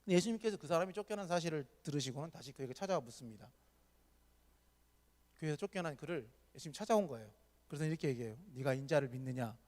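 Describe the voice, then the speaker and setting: A man preaching a sermon as a pastor, retelling the story lively and acting out the people he quotes. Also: fairly high pitch, very fast, pauses often. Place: church hall. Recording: long hall reverb.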